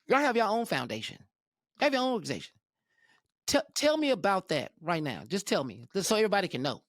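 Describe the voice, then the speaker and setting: A man's voice: high voice, big pitch swings, fast, fairly bright tone, no room sound, clean studio sound. A man hosting a talk show, chatting casually with guests and often restarting his sentences. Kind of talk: casual interview chat.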